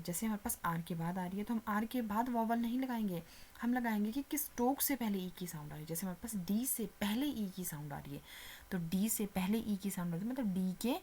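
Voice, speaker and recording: A woman teacher walks through a lesson in a steady mid-pitched voice, pausing to check that the listener is following. Her voice drops almost to a whisper as she writes, over a faint hiss of background noise. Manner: patient, repeats steps with frequent check-ins; mixes English terms into Hindi explanation. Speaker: shorthand teacher. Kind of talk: whiteboard lesson explanation.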